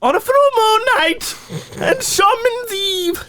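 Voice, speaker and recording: A man voicing an older Irish woman who slowly and earnestly tells of her encounters with fairies, in a put-on Irish accent. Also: extremely high pitch, animated, sharp tone, dry recording, pitched above the performer's own voice, heavily acted. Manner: slow, earnest storytelling. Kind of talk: dramatic reading of listener stories.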